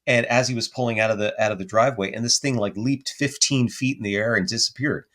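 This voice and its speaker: Speaking fast in a mid-range voice, a man recounts a story as a podcast's guest paranormal investigator. His telling is lively and rambling, full of self-corrections.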